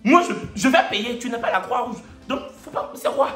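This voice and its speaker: A man's voice: extremely high pitch, normal speed, voice pushed up, heavily acted. A man putting on an Ivorian accent to play himself, exasperated and mocking, in an echoey room with faint music. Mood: indignant. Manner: animated, mocking, rhetorical questions.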